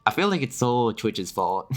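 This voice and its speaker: A man's voice: mid-range voice, very animated, unhurried, soft background music. A young man streaming a game, chatting casually and rambling with lots of fillers, restarts and little chuckles. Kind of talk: casual chat while gaming.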